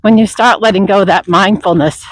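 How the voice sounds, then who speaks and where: A runner talking while out running, reflecting in a motivational vlog in short, broken, unscripted phrases with pauses. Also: medium pitch, steady tone, no echo, rough recording. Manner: reflective, halting, unscripted delivery. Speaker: runner vlogging.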